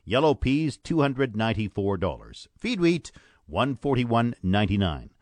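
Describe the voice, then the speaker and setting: A man with a Canadian accent reading a scripted radio farm report in an announcer's delivery, stepping crisply through figures item by item. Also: mid-range voice, sing-song, normal speed, a little mellow, dry recording. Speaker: radio host reading farm markets and weather.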